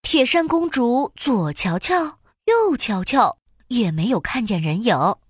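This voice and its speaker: A woman narrating a children's storybook in an expressive, sing-song storytelling way. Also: on the high side, slow pace, slightly rough, dry recording, studio quality.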